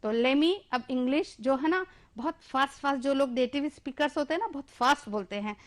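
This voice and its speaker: A woman's voice: high voice, fairly quick. A woman with an Indian accent teaching an English lesson, explaining in Hindi, calling her pupils children and drilling words for them to repeat. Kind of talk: classroom-style lesson.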